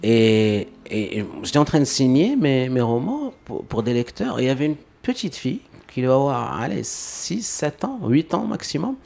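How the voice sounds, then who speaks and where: A man's voice: mid-range voice, very animated, moderate pace, creaky, hardly any pauses, darkish tone. A man from Morocco, a guest in an interview, talking casually and often repeating words as he searches for phrasing.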